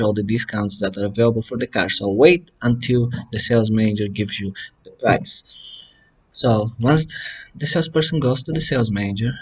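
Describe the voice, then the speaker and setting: A man from Bulgaria, a dealership finance manager giving relaxed, step-by-step advice in a casual home vlog from his kitchen. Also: mid-range voice, breathy edge. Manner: relaxed, plain-spoken, step-by-step instructions. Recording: slightly dull lo-fi recording.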